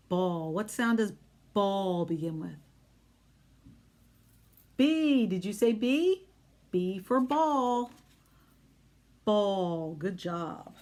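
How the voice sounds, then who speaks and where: Slow-paced woman teaching letter sounds to children. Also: on the low side, warm tone. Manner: encouraging, question-and-answer talk with pauses. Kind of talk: phonics lesson addressed to young children.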